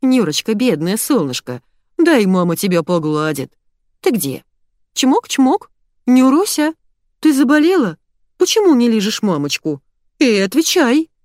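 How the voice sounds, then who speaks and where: A woman doing a shrill, fussy wife whose voice jumps up high and swoops around as she nags. It's a storybook reading, recorded close and dry. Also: sing-song, normal speed, no room sound, close to an everyday voice. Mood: cooing. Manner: shrill, emotional, nagging. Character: shrill excitable wife, quick to nag. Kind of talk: audiobook character voice.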